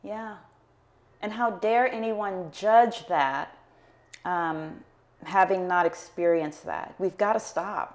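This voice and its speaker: A woman interviewer, affirming and measured as she responds to her guest. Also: on the low side. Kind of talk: documentary interview.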